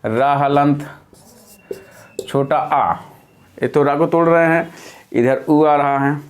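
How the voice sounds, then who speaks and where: Man teacher, patient step-by-step explaining, fairly high voice. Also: fairly even intonation, takes it slowly. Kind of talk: whiteboard grammar lesson.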